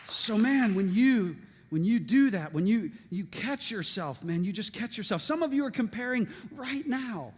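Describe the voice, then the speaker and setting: A middle-aged male pastor preaching a sermon, energetic and lively, with joking asides and calls to the congregation. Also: sits high, moderate pace, slightly rough. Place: church sanctuary. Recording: reverberant church hall.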